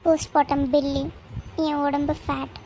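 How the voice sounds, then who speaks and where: High-voiced woman as a worn-out cartoon mom, tearful, complaining, fed up. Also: level tone, normal speed, warm tone, slight background noise. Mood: despairing. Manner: complaining and snapping back. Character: young new mother, weary and fed up. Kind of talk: cartoon voice acting.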